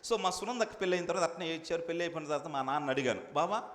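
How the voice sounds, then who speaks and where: A man's voice: on the high side, very fast, in a large hall, a little hiss or hum. A man preaching as pastor at a Sunday worship service, emphatic and repetitive, putting questions to his congregation. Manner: emphatic preaching with repeated phrases and swings in loudness; asks the congregation questions and addresses them directly.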